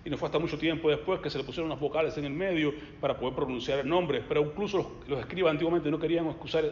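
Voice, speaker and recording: A man preaching a sermon, swinging between loud emphatic passages and quiet low asides. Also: slight background noise. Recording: echoey hall, slightly dull sound.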